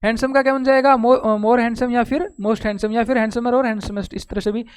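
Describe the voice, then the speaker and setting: A teacher with an Indian accent explaining a grammar lesson step by step, asking and answering her own questions and reading the rules out slowly. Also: medium pitch, steady tone, smooth. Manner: reads English rules slowly from a text.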